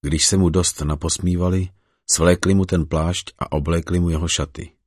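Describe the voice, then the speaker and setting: A man reads scripture in a measured, solemn way. His voice sits extremely low and comes out husky, and the recording is dry with no room sound. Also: little pitch movement, darkish tone, no echo. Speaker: scripture reader.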